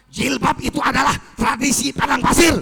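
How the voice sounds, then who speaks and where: A man doing a hectoring nationalist leader who shouts orders at a crowd in a very high, gravelly voice. The tone is bright and forceful, and the commands come out loud and insistent. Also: steady tone, moderate pace, exaggerated voice. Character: haranguing male nationalist leader rallying a crowd.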